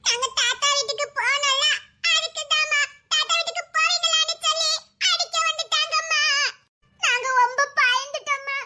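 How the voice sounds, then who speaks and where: A pair of cheeky little children, voiced by a woman, tattling in squeaky, giggly chatter. The voice sits extremely high and sounds bright and sharp. It is a comic family skit. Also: moderate pace, full character voice.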